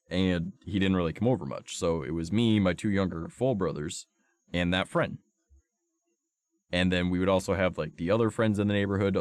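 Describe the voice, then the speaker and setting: A man's voice: low voice, darkish tone, dry recording. A young man streaming, with a sore throat and a cough, rambling through a profane casual story full of fillers. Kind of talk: casual chat to stream viewers.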